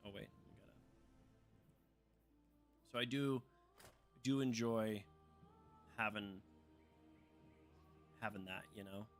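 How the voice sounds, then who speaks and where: Male streamer, young adult, loose chatty ramble into a desk mic, game music clearly underneath. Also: fairly low pitch, slow, pauses often. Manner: rambling, with many fillers and restarts. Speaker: gaming streamer. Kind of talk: casual chat while livestreaming a game. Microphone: desk microphone.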